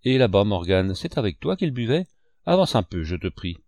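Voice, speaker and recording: A sly, one-legged innkeeper full of bluster and showy outrage, as a male audiobook reader puts him on. He speaks in a fairly low voice with a bluff, hearty manner that hides his scheming. The sound is dry and close, as in a storybook reading. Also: very animated, normal speed, a little mellow, no echo. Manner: bluff, blustering, theatrical indignation.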